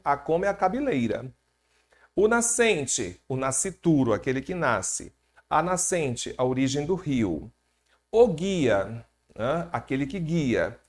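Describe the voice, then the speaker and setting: A man with a Brazilian Portuguese accent teaching an exam-prep grammar lesson, lively and jokey as he quizzes the class. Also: on the high side.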